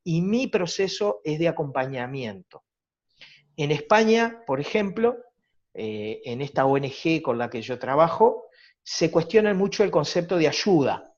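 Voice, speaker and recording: Over dull, lo-fi video-call sound, a Uruguayan-accented man lectures as a psychologist at an online conference. His voice is a little high, sing-song and slightly mellow, and he speaks unhurriedly, reflecting, explaining and tossing in rhetorical tag questions.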